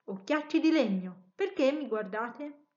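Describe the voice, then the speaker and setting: A woman's voice: high voice, lively intonation, measured pace, roomy sound, highs cut off. A woman voicing Geppetto, an old woodcarver. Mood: resentful. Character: old male woodcarver, a gruff but tender father.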